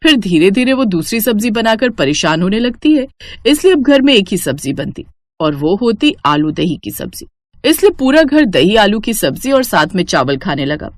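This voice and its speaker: Female narrator, lively storytelling, dry close mic. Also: mid-range voice, normal speed, dry recording. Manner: expressive, storytelling.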